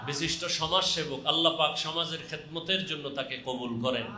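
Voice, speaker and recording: A man's voice: fairly high pitch, fairly quick. A Bangladeshi man preaching a live donation appeal, urging listeners repeatedly and calling out pledges with short blessings. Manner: urging, repetitive calls to the crowd. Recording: echoing public-address sound.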